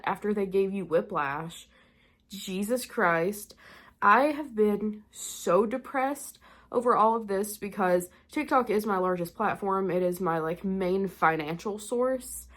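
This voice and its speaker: A young woman hosts a spooky vlog, chatting casually to camera in a mid-range, slightly bright voice. She's congested and nasal from illness and a bit short of breath, and she rambles chattily with lots of "like" fillers.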